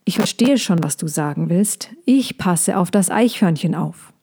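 A woman voicing a small, brave male plover bird in a children's story, speaking in a quick, earnest way. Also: lowish voice, lively intonation, dark tone, slightly rough, heavily acted.

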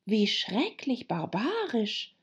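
A woman's voice: high-pitched, sing-song, moderate pace, mellow, slightly rough, highs cut off, pitched above the performer's own voice, heavily acted. A woman voicing a curious, polite young girl with an earnest, questioning way of speaking. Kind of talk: audiobook character voice.

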